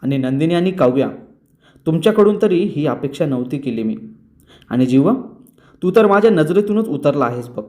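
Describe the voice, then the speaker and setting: A man's voice: on the high side, animated, normal speed, pauses often, mellow, natural voice. A man reading the lines of a stern middle-aged father who scolds his family. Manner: scolding, commanding.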